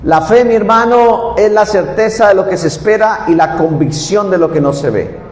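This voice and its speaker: A man preaching as a pastor at a church service, moving between loud chant-like declarations and calm, conversational teaching, often addressing listeners as "brother". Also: high voice, moderate pace. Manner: often says "mi hermano". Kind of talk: sermon. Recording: echoey hall, some distance from mic.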